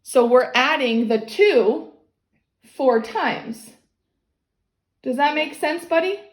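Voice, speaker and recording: High-pitched woman explaining maths to a child. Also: animated, slow. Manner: encouraging, explains step by step with frequent checks for understanding. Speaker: maths teacher tutoring a child. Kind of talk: one-on-one lesson, explaining to a child. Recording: echoey, roomy sound.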